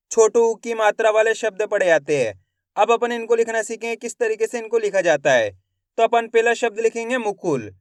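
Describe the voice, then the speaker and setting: A man's voice: very high-pitched, no room sound. A young man teaching children to spell words, breaking each one into syllables and repeating it patiently. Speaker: Hindi writing teacher.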